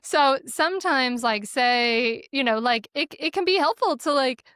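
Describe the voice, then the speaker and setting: A middle-aged woman in an interview, giving parenting advice in an animated, storytelling way, often laughing and restarting her sentences. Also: sits high, measured pace, smooth, no room sound, studio quality. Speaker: parenting guest.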